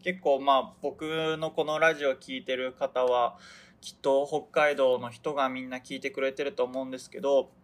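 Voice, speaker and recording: This podcast host, a young Hokkaido man, rambles through a relaxed solo radio chat on his show and keeps losing his thread. He speaks at a moderate pace in a mid-range voice with an even, level tone.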